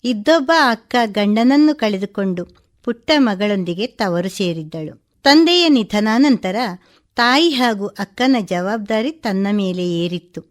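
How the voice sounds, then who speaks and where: A woman storyteller reading a short story for radio. Her delivery is measured and expressive. She moves steadily through the narration at a middle pitch.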